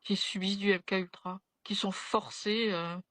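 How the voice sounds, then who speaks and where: Halting woman with a bright, dry voice. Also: medium pitch, steady tone, no echo. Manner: halting, retelling with quoted dialogue. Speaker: interview guest, a mother. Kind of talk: personal testimony in conversation.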